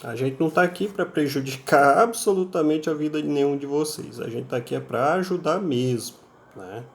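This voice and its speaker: A man with a Brazilian Portuguese accent teaches a recorded online English class, explaining patiently and drilling pronunciation by repeating words over and over. He often ends phrases with a checking tag. His voice is on the high side, at normal speed.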